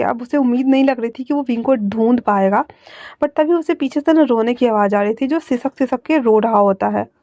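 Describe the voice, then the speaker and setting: A woman retells a fan fiction story in a loose, chatty way, dropping English words into her sentences. Her voice is high and mellow, dry and close, with dull lo-fi sound. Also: no echo. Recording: dull lo-fi audio.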